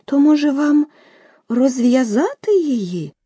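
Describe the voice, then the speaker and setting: A woman voicing a curious, polite little girl in an audiobook, speaking earnestly in a soft, breathy half-whisper. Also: high-pitched, very animated, a little slow, no echo, studio quality, pitched above the performer's own voice. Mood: polite, eager. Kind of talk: audiobook reading.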